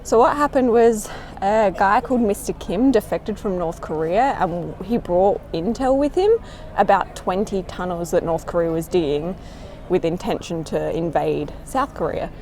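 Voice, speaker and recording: A woman's voice: fairly low pitch, a little slow, a little mellow, a little hiss or hum. Playful young woman vlogging a tour. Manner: playful and upbeat. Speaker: travel vlogger. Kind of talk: casual travel vlog chat. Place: outdoors on a guided tour.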